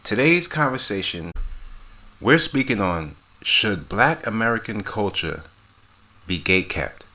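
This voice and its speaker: A man's voice: on the low side, animated, a little slow, pushed and bright, slight background noise. A man hosting his own commentary channel, greeting viewers with energy. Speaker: channel host. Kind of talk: casual commentary vlog.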